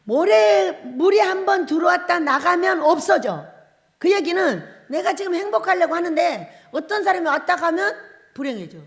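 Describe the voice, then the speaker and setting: Lively high-voiced woman pastor preaching. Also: normal speed. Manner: animated, laughing often, asks the congregation questions. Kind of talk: revival sermon.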